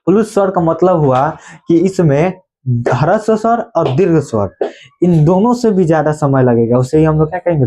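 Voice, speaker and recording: A man teaching a grammar lesson. He keeps asking his pupils questions, answers them himself and repeats key terms slowly so they can be written down. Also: on the high side, warm tone. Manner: addresses viewers as "bhai".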